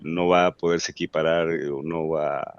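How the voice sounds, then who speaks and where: A man's voice: rumbling low, level tone, normal speed, smooth, dry recording, muffled recording. A man answering in class as a student, hesitant and restarting his sentences.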